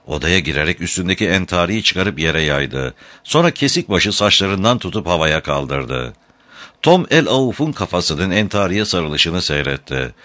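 A man narrating an adventure novel as an audiobook, in a measured, dramatic storytelling manner. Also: low-pitched, pushed and bright, no room sound.

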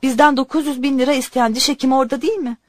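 A woman reading a humorous story aloud in an expressive, conversational way. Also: high-pitched, very fast, dry recording, clean studio sound. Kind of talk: storytelling narration.

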